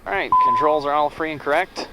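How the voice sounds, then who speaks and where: A man's voice: a little high, brisk, dull audio. A man narrating his cockpit work casually as a pilot, speaking over a pilot headset. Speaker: pilot and vlog host. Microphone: aviation headset. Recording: faint cockpit noise on headset audio. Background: aircraft cabin noise.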